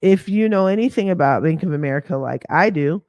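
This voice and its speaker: This credit repair business owner talks through an informal screen-share, her voice rough and lower than normal from a persistent cough. She speaks frankly and briskly in slang, expressive and a little mellow, with sassy side comments. A computer mic picks her up dry and close, without any room sound.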